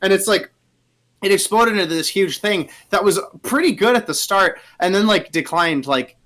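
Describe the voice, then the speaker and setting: A young man co-hosts a casual podcast with a slightly high voice. He rambles and giggles as he talks, and fills his sentences with "like.". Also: normal speed, a bit bright. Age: young adult. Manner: rambling, giggly, says "like" a lot. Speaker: podcast co-host. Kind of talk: casual chat.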